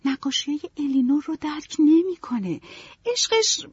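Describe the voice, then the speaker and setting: A woman's voice: sits high, very animated, darkish tone, no echo, pitched above the performer's own voice. A woman voicing a passionate, dramatic young woman in a storybook reading, talking in sweeping, emotional bursts. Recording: dull, dry, lo-fi.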